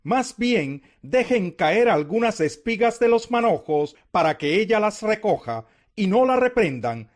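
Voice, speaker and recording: A man voicing a kindly, authoritative landowner in a scripted scripture reading, solemn and measured. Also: sits high, very animated. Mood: kindly instructing. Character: kindly, authoritative male landowner of biblical times.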